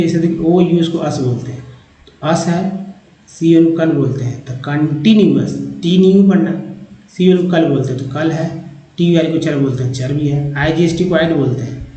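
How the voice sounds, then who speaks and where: Guy teaching english sounds, repeats syllables again and again, mellow voice, echoey room. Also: on the high side, highs cut off, slight background noise. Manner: slow, repetitive drilling of sounds. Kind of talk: explaining English spelling in Hindi.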